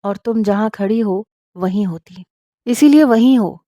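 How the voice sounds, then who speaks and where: A woman voicing a sharp, defiant young wife in a spoken story, cutting in tone. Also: medium pitch, no room sound, clean studio sound, lightly acted. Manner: indignant, cutting.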